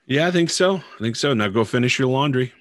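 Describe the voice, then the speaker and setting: A man hosting a podcast in casual banter, playful and quick to tease his co-host. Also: medium pitch, expressive, no echo.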